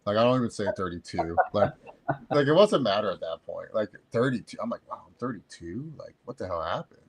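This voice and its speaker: A man's voice: on the low side, sing-song, brisk, breathy edge. A man in his thirties co-hosting a sports podcast, rambling casually with crude jokes and frequent restarts. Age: 30s. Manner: rambling, crude, self-interrupting. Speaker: podcast co-host.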